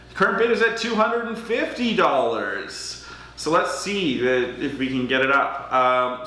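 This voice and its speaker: In a very echoey room, a young man from Alberta, Canada, hosts a charity auction on a livestream in a medium-pitched, sharp voice. He's chatty and self-deprecating, often pausing with ums.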